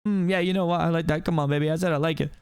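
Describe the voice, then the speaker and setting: A man voicing an excitable, panicky donkey sidekick who chatters and repeats himself frantically. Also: fairly high pitch, very fast, clear, resonant tone, dry recording, clean studio sound, lightly acted. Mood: dreamy.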